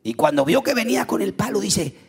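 A preacher tells a story from the pulpit in a high, wildly swinging voice with a gravelly, husky texture. He is dramatic and animated, jumping into sudden loud bursts. Faint music plays underneath. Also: a little fast.

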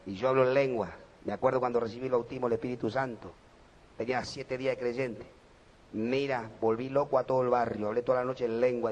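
A man preaching a sermon. His voice is gravelly and worn, and he moves between quiet talk and fervent shouting. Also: medium pitch, slight background noise.

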